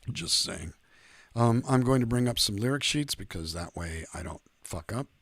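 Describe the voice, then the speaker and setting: A man's voice: medium pitch, expressive, moderate pace, a bit bright, no room sound. A middle-aged man, a singer-songwriter hosting a livestream, chatting casually in a rambling, self-deprecating, joking way.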